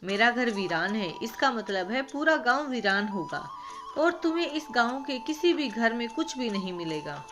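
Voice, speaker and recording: A woman's voice: a little high, very animated, normal speed. A woman reading a storybook voices a frail, sick old village man who pleads with a visitor. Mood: earnest. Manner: pleading, then earnest and heartfelt. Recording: background music.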